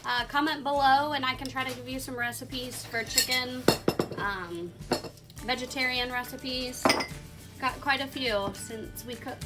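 Woman, 30s, home-kitchen cooking vlog host, higher voice, friendly and loose, phone-filmed with music underneath. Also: a little slow. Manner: friendly, chatty, relaxed with fillers. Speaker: youth club membership coordinator hosting a cooking video. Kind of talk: casual home cooking demo. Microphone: phone camera held by her son.

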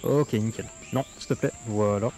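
A man's voice: on the low side, steady tone, moderate pace, warm tone, soft background music. A man giving chatty gameplay commentary through an 8-bit bitcrushed voice filter, reacting to the game as he plays. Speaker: gaming streamer.

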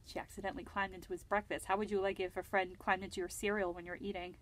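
A woman librarian reading a picture book aloud to children, gently asking them questions and laughing often. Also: mid-range voice, little pitch movement, very fast. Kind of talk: storytime read-aloud for children.

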